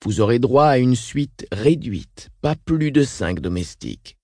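A man's voice: mid-range voice, measured pace, no room sound, clean studio sound. A man voicing a frail, unshaken old sister. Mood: grim. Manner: flat, unshaken. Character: frail elderly sister, weakened and coughing.

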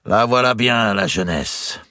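A man's voice: on the low side, animated, measured pace, sharp tone, no room sound, pitched above the performer's own voice, exaggerated voice. A man doing a cynical old banker. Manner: dry, cynical, amused. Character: wry older male banker uncle.

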